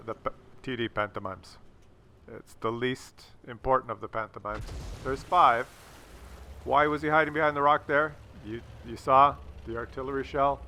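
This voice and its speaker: Hosting a gaming video, a man delivers replay commentary in a medium-pitched, sharp-toned voice. He is casual and sarcastic, wry and teasing, and jokes crudely. Game audio can be faintly heard in the background.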